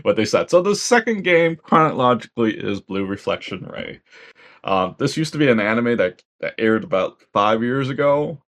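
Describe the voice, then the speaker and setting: A man co-hosting a casual video game chat, animated, who acts out game dialogue in high mocking voices and laughs often. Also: moderate pace. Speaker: podcast co-host reviewing games.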